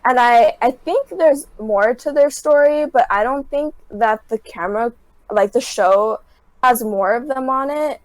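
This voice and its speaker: Brief: young woman guest, higher voice, rambling casual retelling, dry close sound. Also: unhurried, dry recording, low-quality recording. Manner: rambling retelling, constant "like" fillers. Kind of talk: casual chat.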